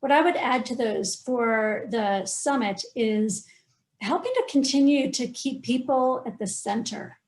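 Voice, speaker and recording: A woman's voice: on the high side, a little slow, darkish tone, low-quality recording. A woman panelist on a video call giving fluent, structured remarks with emphasis.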